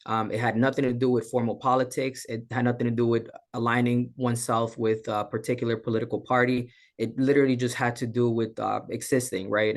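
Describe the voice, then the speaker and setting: Panelist, man from Colombia; gravelly, monotone, measured and reflective delivery over a video call. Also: mid-range voice. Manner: reflective, measured, frequent "um" and "right?". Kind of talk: panel discussion remarks.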